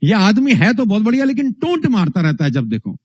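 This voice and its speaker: A male speaking trainer delivers a motivational lesson with high energy and acts out his examples. His voice sits high and animated. The recording is dull and dry, close up with no room sound. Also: fairly quick, no echo.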